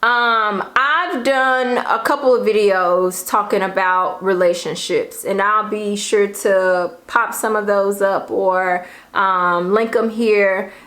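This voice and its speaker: A woman's voice: medium pitch, steady tone, takes it slowly, few pauses, a bit bright. A young adult woman vlogging in a casual, chatty way about relationships. She laughs often and repeats key lines for emphasis. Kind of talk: casual talk to camera.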